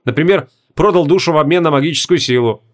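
A man's voice: on the high side, fast talker, natural voice. A man voicing a big lazy jovial sorcerer. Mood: teasing. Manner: lazy, grinning banter. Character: big jovial male sorcerer, mocking friend.

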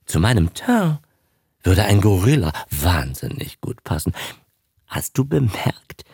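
A man's voice: deep voice, very animated, measured pace, a little mellow, no room sound, studio quality, exaggerated voice. A man voicing a vain, naive young female film starlet in an audiobook reading, gushing and dreamy. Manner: breathy, dreamy, gushing chatter. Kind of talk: audiobook character voice.

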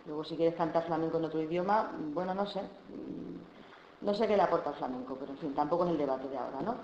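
A woman with a Spanish accent, a flamenco singer giving a conference lecture on vocal technique, explaining in a lively way with frequent asides and tag questions. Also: low-pitched, fast talker, a little hiss or hum. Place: lecture hall. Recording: echoey lo-fi hall recording.

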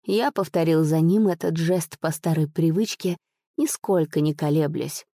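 A woman narrating an audiobook in an expressive, measured storytelling manner. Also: low-pitched, dry recording, studio quality. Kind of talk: audiobook reading.

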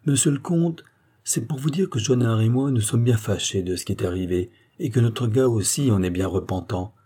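A man's voice: medium pitch, normal speed, dark tone, slightly rough, natural voice. A man voicing a shrewd older peasant mother who talks in a homely, folksy way. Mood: scheming.

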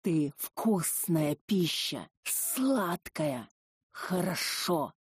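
A woman voicing a slow, hissing serpent demon. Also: lowish voice, expressive, husky, dry recording, clean studio sound, exaggerated voice. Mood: menacing. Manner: slow, drawn-out, hissing menace.

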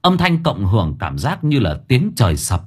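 A man narrating an audio story in a lively, dramatic way. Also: medium pitch, moderate pace, slightly rough.

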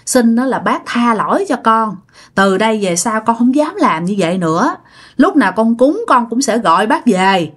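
A woman's voice: on the high side, sing-song, moderate pace, husky. A woman voicing a pleading middle-aged man. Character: middle-aged man begging a spirit's forgiveness.

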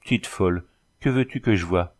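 A man's voice: sits low, normal speed, natural voice. A man doing a scolding old mother. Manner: dismissive, scolding.

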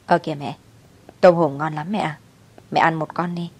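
A woman's voice: deep voice, fairly even intonation, normal speed, darkish tone, breathy edge. A woman voicing a cheerful young husband who coaxes his mother eagerly. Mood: coaxing.

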